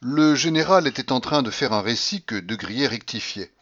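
A man's voice: mid-range voice, highs cut off. Man reading a classic novel aloud. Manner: measured, expressive reading. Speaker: audiobook reader. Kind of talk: literary audiobook narration.

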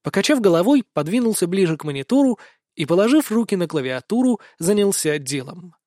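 High-voiced man narrating an audiobook. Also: very animated, brisk, a little mellow, dry recording, clean studio sound. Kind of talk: scripted narration.

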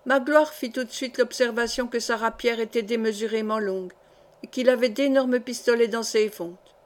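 A woman's voice: fairly high pitch, steady tone, normal speed. A woman reading a historical novel aloud as an audiobook, lightly changing her voice for the dialogue. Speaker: audiobook reader.

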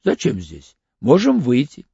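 A tough male ex-convict, read by a man speaks in short, blunt phrases with a gravelly, husky edge. The audiobook sound is dull and dry, with a lively rise and fall to the lines. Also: medium pitch, unhurried, no room sound, full character voice. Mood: hard, curt. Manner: blunt, clipped, threatening. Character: tough hardened male ex-convict, curt and cool.

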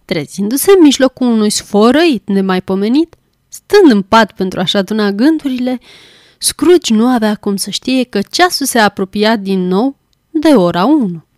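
A woman reading a classic tale aloud as an audiobook, measured and clear. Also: fairly high pitch, expressive, a little mellow, no echo, studio quality. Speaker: volunteer audiobook reader. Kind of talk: scripted audiobook narration.

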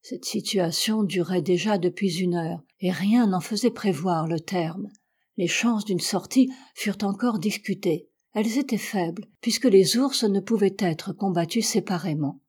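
A woman reading a classic adventure novel aloud in a steady, measured narration. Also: medium pitch, husky. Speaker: audiobook reader.

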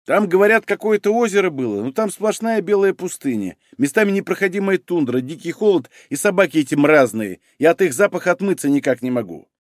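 A grumbling, whiny forensic expert from an audiobook, always moaning about cold and hunger, as a man reads him. The voice sits a little high and swings widely in pitch. The recording is close and dry. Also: big pitch swings, brisk, few pauses, no echo. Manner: whining, grumbling.

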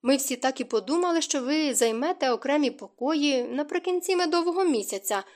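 A woman's voice: high-pitched, lively intonation, brisk, pitched above the performer's own voice. A woman voicing a frightened young housemaid in an audiobook, timid and hesitant. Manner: timid, stammering.

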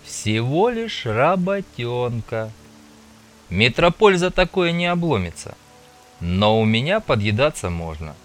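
A man voicing a scarred, gruff male stalker gang leader, speaking slowly and measuredly in an audiobook. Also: mid-range voice, big pitch swings, faint music behind, close to an everyday voice. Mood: persuasive.

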